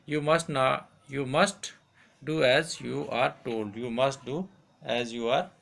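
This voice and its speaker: Gravelly male teacher dictating grammar. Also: medium pitch, steady tone, fairly bright tone. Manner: repeats each example sentence slowly, switches to Hindi to explain. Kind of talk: grammar lesson, read aloud and repeated.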